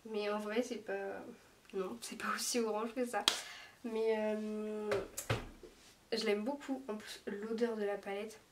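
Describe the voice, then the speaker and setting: A woman's voice: medium pitch, fairly even intonation, very noisy. A woman reviewing makeup in a casual, chatty way, hesitating often as she talks. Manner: chatty, hesitant, lots of small pauses. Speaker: beauty vlogger. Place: room lit by daylight. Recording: voice a bit far from the mic.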